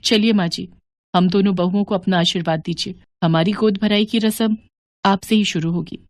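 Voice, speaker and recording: A woman voicing kind young daughters-in-law who speak gently and respectfully. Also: medium pitch, steady tone, normal speed, lightly acted. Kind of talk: animated moral story voice acting.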